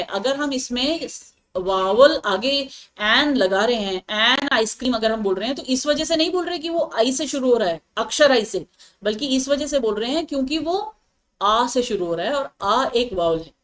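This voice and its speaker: A woman English teacher, a native Hindi speaker, explains grammar patiently, repeats her points, checks that students follow, and reads example sentences slowly. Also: fairly high pitch, expressive, a bit bright.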